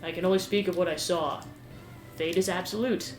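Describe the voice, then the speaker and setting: Gamer doing a mysterious fortune teller lady, polite n ominous, medium pitch, echoey. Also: steady tone, moderate pace, close to an everyday voice. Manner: soothsaying, formal fortune-teller patter. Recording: roomy echo with game music behind.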